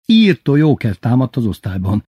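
Husky-voiced man reading a story. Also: medium pitch, very animated, dark tone, no room sound, clean studio sound. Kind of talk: first-person story reading.

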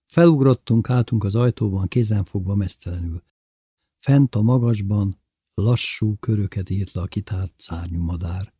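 A man reading a first-person literary story aloud, calm, measured and intimate. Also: fairly low pitch, husky, dry recording, clean studio sound. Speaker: narrator.

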